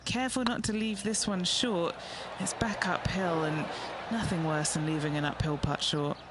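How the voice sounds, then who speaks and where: A man's voice: high voice, fairly even intonation, moderate pace. A man giving golf commentary as a reporter describing the shot ahead. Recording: noisy ambience behind.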